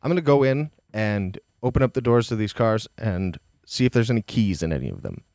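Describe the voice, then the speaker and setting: A man's voice: on the low side, very animated, a little fast, darkish tone, dry recording, clean studio sound. Wry man playing a tabletop game. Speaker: player. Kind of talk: casual tabletop role-play.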